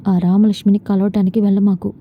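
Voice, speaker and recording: A woman's voice: mid-range voice, level tone, quick pace, husky. A woman voicing a scheming middle-aged mother giving stern warnings. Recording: dull lo-fi with faint noise.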